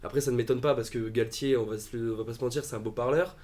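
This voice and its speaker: A man's voice: mid-range voice, steady tone, quick pace, darkish tone. A man chatting as a football pundit on a live stream, hesitant with many fillers and restarts. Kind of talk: casual live-stream discussion.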